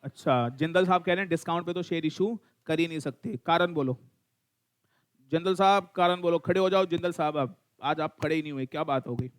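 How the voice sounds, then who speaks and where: A middle-aged Indian-accented man lecturing a classroom on law. His voice sits fairly high for a man. He mixes in English, fires questions at students and teases them. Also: fairly quick. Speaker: law teacher.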